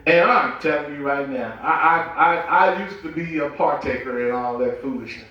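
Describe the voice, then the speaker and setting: A man with a Southern US accent preaching a sermon with call-and-response, slowing down and shouting for emphasis. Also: on the high side, muffled recording. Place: large echoey church sanctuary. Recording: echoey church hall from far off.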